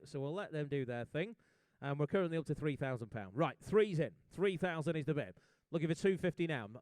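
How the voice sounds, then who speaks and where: Brisk auctioneer calling bids. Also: male voice, on the high side, clear, resonant tone, no echo. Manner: brisk, jokey rapid bid calling. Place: auction sale room.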